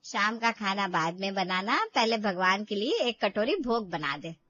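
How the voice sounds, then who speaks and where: A woman's voice: mid-range voice, lively intonation, unhurried, sharp tone, no room sound, muffled recording. A woman voicing a kind, motherly middle-aged mother-in-law in a cartoon story, speaking soothingly. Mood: calm. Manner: soothing, motherly, calls her daughter-in-law "bahu". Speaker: cartoon character.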